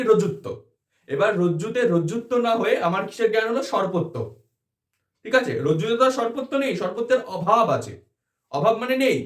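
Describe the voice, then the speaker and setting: Lively high-voiced man lecturing. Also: roomy sound. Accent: Bengali. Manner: explanatory, asks rhetorical check questions. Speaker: philosophy tutor. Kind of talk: exam-prep lecture.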